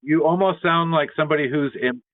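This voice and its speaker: A man hosting a call-in show, talking in a calm, reassuring way to a caller while his voice comes through a thin speakerphone-like sound. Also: on the high side, a little fast, dry recording. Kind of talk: casual call-in talk. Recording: tinny, dry phone-like line.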